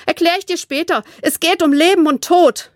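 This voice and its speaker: A woman's voice: very high voice, dry recording, studio quality, voice pushed up. Spunky teasing young girl, voiced by a woman in a children's book reading. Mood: urgent. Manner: quick, bright, joking. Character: lively young girl, quick-witted and teasing.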